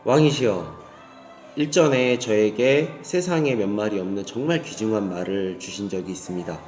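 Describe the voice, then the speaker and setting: A man's voice: on the low side, darkish tone, lightly acted. Deferential father pleading with a king, a male preacher voicing him; room echo, faint music. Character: cautious, pleading father before a king, man.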